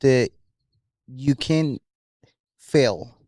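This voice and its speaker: A man's voice: mid-range voice, drawn-out words, warm tone, no room sound, clean studio sound. A man who co-hosts a podcast and talks earnestly and motivationally about his life, at times searching for words. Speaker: podcast co-host. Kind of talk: casual podcast chat.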